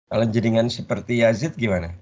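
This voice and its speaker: A man teaching a religious study class. He pauses mid-word so the audience can finish it. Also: fairly low pitch, darkish tone, a little hiss or hum. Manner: call-and-response, leaves words half-said for the audience to finish. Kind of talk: Islamic study lecture. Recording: dull lo-fi recording.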